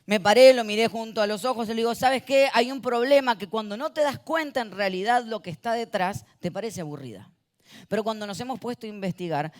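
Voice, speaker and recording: A male pastor giving a sermon in a church, animated and having the congregation repeat words after him. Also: high-pitched, clear, resonant tone. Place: church auditorium. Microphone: handheld or stage mic.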